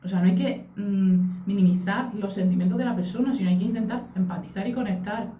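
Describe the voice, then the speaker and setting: Earnest woman, dark roomy sound. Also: mid-range voice, a little fast, distant mic, highs cut off. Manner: earnest, acts out quoted phrases. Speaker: podcast co-host, mother. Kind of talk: casual reflective chat. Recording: roomy echo, off-mic.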